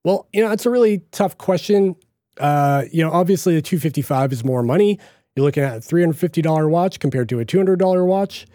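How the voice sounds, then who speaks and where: A man with a Boston accent chatting through his solo podcast in a loose, rambling manner, often circling back with fillers. His voice sits a little high yet sounds dark and mellow, with a dry, close sound. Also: expressive, quick pace, dry recording. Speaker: podcast host. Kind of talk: casual solo podcast talk.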